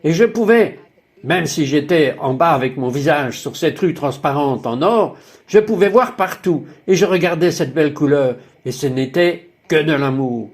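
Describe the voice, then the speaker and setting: A man's voice: a little high, lively intonation, normal speed. A man narrating a dubbed personal testimony in an emphatic, exclaiming way, full of wonder.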